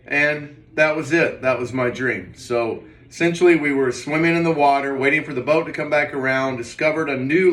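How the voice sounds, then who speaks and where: A man's voice: medium pitch, fairly bright tone. A man casually rambling through a personal story, recounting a dream in a hazy, puzzled way with trailing, hesitant phrases. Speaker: vlogger. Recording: roomy echo, distant mic.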